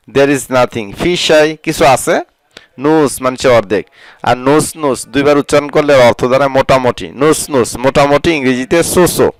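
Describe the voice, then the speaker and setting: Man, language teacher, repeats phrases and explains them, mid pitch, dry close sound. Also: dry recording. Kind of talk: scripted vocabulary lesson.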